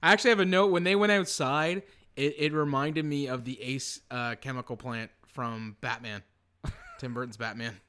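A man's voice: mid-range voice, fairly even intonation, normal speed, sharp tone, clean tone. A middle-aged man wisecracking and swearing in a casual movie podcast chat. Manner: wisecracking, profane. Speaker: podcast co-host.

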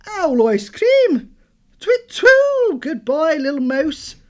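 A woman's voice: high voice, sing-song, unhurried, voice pushed up. A woman voicing an eager, hooting owl in a children's storybook, with an exaggerated manner. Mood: alarmed.

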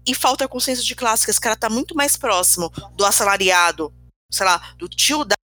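A woman's voice: fairly high pitch, animated, brisk, sharp tone, no room sound. Emphatic woman, dry close sound. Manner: emphatic, opinionated, sarcastic. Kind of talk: casual chat.

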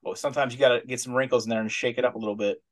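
Fast-talking, rambling male podcast co-host. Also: mid-range voice, steady tone. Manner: rapid, rambling, full of "like" and "you know". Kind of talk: casual podcast chat.

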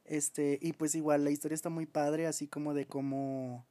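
A man's voice: on the high side, little pitch movement, moderate pace, warm tone. An enthusiastic man with a Mexican accent, talking casually as a podcast co-host. He gushes about what he likes, keeps his speech full of fillers, and laughs easily. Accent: Mexican Spanish. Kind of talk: casual chat.

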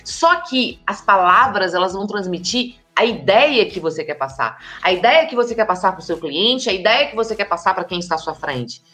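A woman, giving a lively, emphatic talk on communication and speaking straight to her audience. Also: mid-range voice, normal speed, hardly any pauses. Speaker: communication and body language trainer. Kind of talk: expressive presentation lecture. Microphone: camera with slides, hands in frame.

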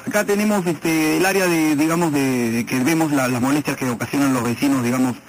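A man's voice: fairly high pitch, fairly quick, voice pushed down, natural voice, rough recording. A man with a Peruvian accent voicing a stern, pompous male municipal official on a prank call, with hesitant fillers. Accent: Peruvian Spanish.

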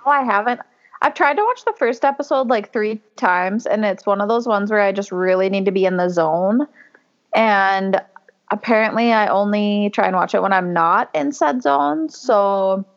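A woman's voice: mid-range voice, normal speed, lo-fi sound. A woman co-hosting a podcast, chatting in a wry, easygoing way. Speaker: podcast co-host. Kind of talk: casual podcast chat.

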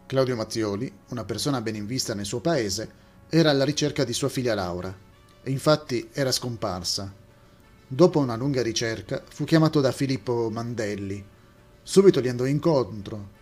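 A man narrating a story in a steady, measured reading voice. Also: mid-range voice, soft background music.

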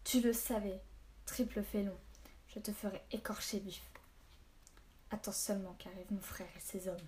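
A woman's voice: mid-range voice, fairly even intonation, moderate pace, darkish tone, close to an everyday voice. A woman reading the lines of a fierce male barbarian warrior who threatens and sounds spiteful. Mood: threatening.

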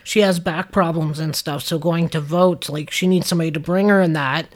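A man's voice: on the high side, brisk. Casual man co-hosting. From Canada. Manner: relaxed, joking, hedging fillers. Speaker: podcast co-host. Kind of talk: casual chat.

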